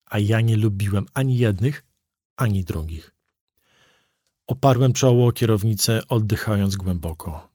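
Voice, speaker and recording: A man's voice: fairly low pitch, moderate pace, dark tone, no room sound, clean studio sound. A man reading a first-person story aloud as an audiobook narrator, with vivid storytelling delivery.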